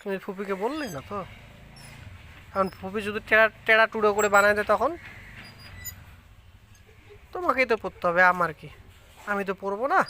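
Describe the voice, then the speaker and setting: A woman's voice: medium pitch, bright, forceful tone, slight background noise. A woman chatting playfully at home with a small child, coaxing and teasing her with sing-song questions. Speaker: vlogger talking with a small child.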